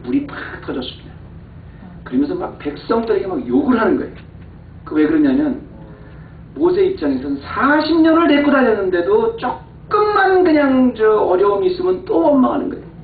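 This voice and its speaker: A man preaching a sermon as pastor, dropping to low, quiet asides and rising to heated emphasis, acting out exasperated complaints. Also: sing-song, fairly quick, narrow, tinny audio, a little hiss or hum. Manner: acts out quoted complaints in an exasperated voice. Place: church sanctuary. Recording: echoey, far-off, phone-thin church recording.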